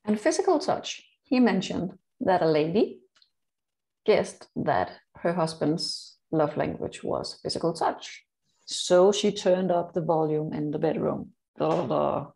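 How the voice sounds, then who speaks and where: A woman co-hosts a casual podcast chat with a lower voice and a gravelly, creaky edge. She rambles and laughs at her own slips, stopping often to correct her words. Her talk drifts loosely from one point to the next. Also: expressive, measured pace, dark tone. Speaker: co-host.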